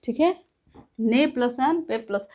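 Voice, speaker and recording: A woman teaching a lesson, explaining step by step, asking herself questions and pausing often to check in. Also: on the high side, animated, highs cut off. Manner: says "ठीक है" after points. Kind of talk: classroom lecture.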